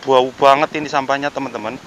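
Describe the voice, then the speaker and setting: Outdoors by a road bridge, in a yard and along the riverside, a middle-aged vlogger who helps homeless people keeps up polite, casual narration and chat in a Javanese accent, his words slightly muffled by a mask. His mid-range voice is steady, quick and a bit bright, with a little hiss or hum in the background.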